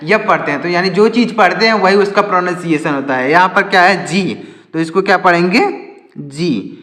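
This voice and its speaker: A man's voice: sits high, brisk, fairly bright tone. A man teaching English basics, patiently repeating each point as a question and then answering it himself. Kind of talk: step-by-step lesson. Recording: echoey room with long reverb.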